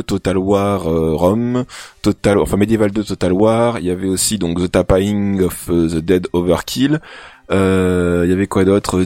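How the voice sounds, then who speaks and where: Deep-voiced man rambling about games. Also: a little mellow, dry recording. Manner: rambling, hesitant, many fillers. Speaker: podcast panelist. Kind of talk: casual chat.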